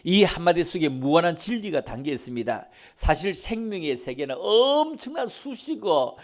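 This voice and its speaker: A male pastor preaching an Easter sermon in a church, swinging from loud, stirring lines to near whispers and repeating his key phrases. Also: on the high side, very animated, moderate pace. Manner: acts out quoted voices and repeats key phrases. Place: church sanctuary.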